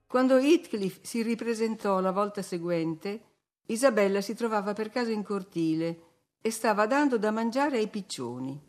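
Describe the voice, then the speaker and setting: Woman narrating a literary audiobook. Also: mid-range voice. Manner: measured, expressive reading.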